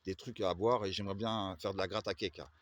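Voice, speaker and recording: A man's voice: low voice, fairly even intonation, fast talker, slight background noise. A man from the Agen area telling a long personal story, hesitant and full of fillers and restarts. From Agen area, southwest France.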